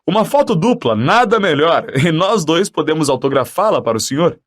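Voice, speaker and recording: A man voicing a vain, jovial and pompous male professor in an audiobook, booming and patronizing. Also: sing-song, fairly quick. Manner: booming, patronizing, self-important. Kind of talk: audiobook character voice.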